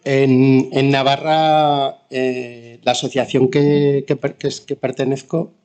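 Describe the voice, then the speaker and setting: A man with an accent from Spain gives spontaneous testimony as a bereaved father, in quiet, subdued grief, halting and searching for words with many pauses. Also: mid-range voice, little pitch movement, smooth. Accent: Spanish from Spain. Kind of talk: spontaneous testimony at an online talk.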